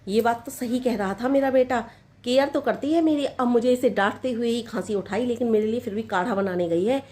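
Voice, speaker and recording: A woman playing a proud, sharp-tongued older mother-in-law who nags and scolds in a comic sketch. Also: on the high side, brisk, lightly acted. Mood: grumbling. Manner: nagging, scolding, repetitive complaints.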